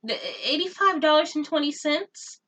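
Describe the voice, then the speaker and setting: A woman's voice: high-pitched, normal speed, a bit bright, recorded from a distance. A young woman ranting in a casual home vlog, exasperated and repeating her points for emphasis. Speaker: vlogger. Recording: voice a bit off-mic.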